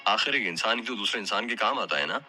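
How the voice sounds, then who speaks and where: A man's voice: on the low side, expressive, fast, bright, forceful tone, soft background music. A man voicing a poor but proud young village woman in an audio story, speaking sweetly and politely. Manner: sweet, polite, self-respecting.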